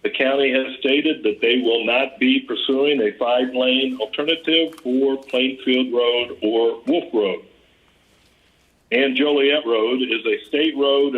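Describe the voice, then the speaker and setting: Man heard over a tinny speakerphone. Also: mid-range voice. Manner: steady, businesslike, with frequent "uh" fillers. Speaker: chair of a village board meeting. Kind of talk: reading a report at a public meeting. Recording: tinny speakerphone played into a room.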